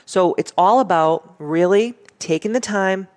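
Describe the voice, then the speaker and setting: A woman's voice: medium pitch, measured pace. A woman guest in a casual interview, telling stories bluntly, swearing freely and acting out what people said. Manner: animated, blunt, swears freely, acts out quotes. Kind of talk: casual storytelling chat.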